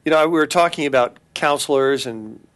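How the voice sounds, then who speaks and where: On a talk show, a middle-aged Californian attorney speaks briskly in a fairly high, fairly bright voice. Earnest throughout, he gives announcements, says his web address more than once, and tells a case story full of restarts.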